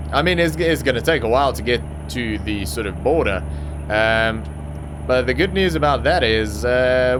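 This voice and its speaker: A young adult man who speaks Afrikaans hosts a gaming channel and chats loosely while driving in a trucking game. His mid-range voice rambles, filling gaps with ums and circling back to his point, over a steady, clearly audible drone of truck engine and road noise.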